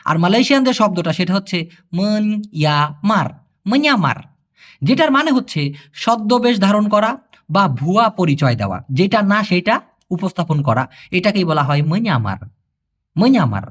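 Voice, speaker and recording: A man from Bangladesh teaching phrases in a casual spoken lesson, explaining patiently, repeating words slowly and asking his viewers questions. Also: high-pitched, very animated, a bit bright. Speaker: language tutor.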